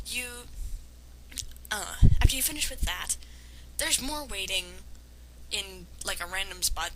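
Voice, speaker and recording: Taking it slowly with long pauses, a woman with a mid-range, fairly bright voice and lively intonation reads fan fiction dramatically. She breaks in with sarcastic, nitpicking asides delivered hesitantly, as an amateur commentator on a clearly noisy home recording.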